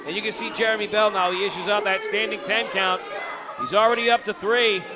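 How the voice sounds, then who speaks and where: A man's voice: sits high, fairly even intonation, a little fast. A man working as a wrestling commentator, calling the action live in emphatic, formal, dramatic phrases. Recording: loud venue crowd behind. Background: live crowd.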